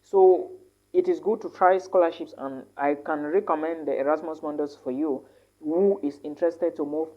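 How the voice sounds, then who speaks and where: A woman with a very low voice gives casual advice on studying abroad, tossing in "all right?" and fixing her words mid-sentence. She sounds a bit tired. The recording is dull and lo-fi. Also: fairly even intonation, moderate pace. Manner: tag questions like "all right?", many fillers and self-corrections. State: tired, yawning a lot. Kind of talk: casual advice talk to camera.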